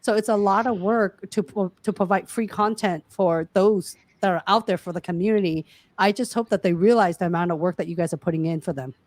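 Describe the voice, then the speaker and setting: Frank, animated woman career coach. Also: mid-range voice, brisk, no room sound. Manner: frank, animated, calls out listeners. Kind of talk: casual webinar talk.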